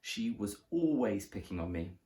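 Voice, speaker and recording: Man, storybook narrator, lively expressive reading, somewhat low voice. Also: normal speed.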